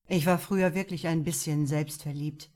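A woman's voice: deep voice, steady tone, moderate pace, a little mellow, natural voice. A woman reading the lines of a male police officer who is cocky but disillusioned, in a blunt, self-mocking way. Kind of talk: audiobook dialogue reading.

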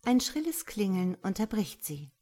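A woman narrating a story aloud in a calm, even reading voice. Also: mid-range voice, normal speed.

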